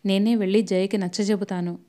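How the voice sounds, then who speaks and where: A woman reading the part of a gentle elder sister who pleads softly. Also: mid-range voice, fairly even intonation, fairly quick, natural voice. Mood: pleading. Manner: soft, pleading.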